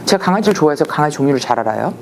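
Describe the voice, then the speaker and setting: A woman shaman tells stories of her experiences casually, talking very fast and animatedly in a low-set voice. Her pitch swings widely as she acts out the people she quotes, over a faint hiss of noise.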